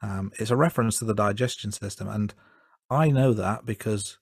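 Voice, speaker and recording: A man's voice: fairly low pitch, moderate pace, slightly rough, no echo, studio quality. A man co-hosting a film podcast, wry and self-deprecating, with frequent ums. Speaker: podcast co-host. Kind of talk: casual film review chat.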